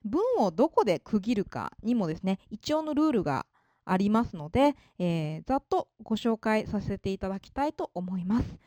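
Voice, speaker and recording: Woman, English teacher, polite explanatory lesson, animated pitch, dry close sound. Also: dry recording. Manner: polite, explanatory, slows down to read English examples. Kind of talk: spoken grammar lesson.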